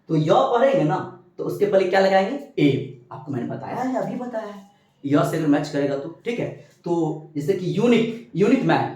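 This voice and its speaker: Grammar teacher, man, lively swooping voice, quizzes the class, echoey distant recording. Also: high-pitched. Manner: drills with repeated questions and answers; emphatic, sometimes shouting. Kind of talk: animated classroom-style grammar lesson. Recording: very echoey, from off-mic.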